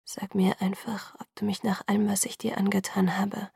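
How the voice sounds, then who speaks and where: Woman doing a lovesick guy pleading softly, husky hushed voice, dry sound. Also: mid-range voice, level tone, moderate pace, no room sound, exaggerated voice. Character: intense, remorseful young man in love.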